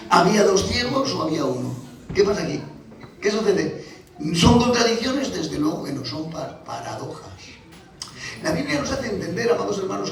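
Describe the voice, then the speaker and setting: A man preaching a sermon in a church, teaching through questions and vivid examples, recorded from far off in a very echoey hall. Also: fairly high pitch.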